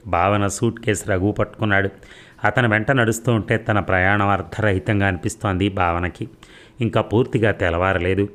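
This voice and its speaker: A male narrator reading a novel aloud. His voice sits very low and keeps a steady, even storytelling pace. The delivery stays measured from line to line. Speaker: audiobook narrator.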